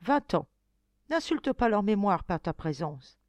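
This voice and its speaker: A woman's voice: medium pitch, very animated, measured pace, darkish tone, no echo. A woman voicing a big stern toad in an audiobook, reproachful and cold, close to her own voice. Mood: accusing. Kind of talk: audiobook reading.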